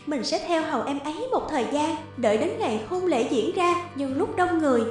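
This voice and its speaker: A woman with a high-sitting voice plays a naive, gentle young princess in an animated fairy tale, speaking briskly in an earnest, soft-hearted, hopeful way. Music plays beneath her voice.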